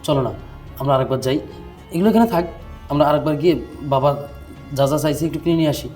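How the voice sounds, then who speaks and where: A man's voice: on the high side, fast talker, dark tone, faint music behind, lightly acted. A man playing a devoted son who pleads reasonably with his wife in a family drama. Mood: pleading. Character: devoted son, caught between wife and father.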